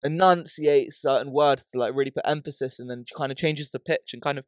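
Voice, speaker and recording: A man's voice: medium pitch, steady tone, a little fast, no echo. Slangy London roadman, dry close sound. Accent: London roadman, urban British slang. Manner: slangy, emphatic, matey. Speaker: podcast host. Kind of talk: casual banter.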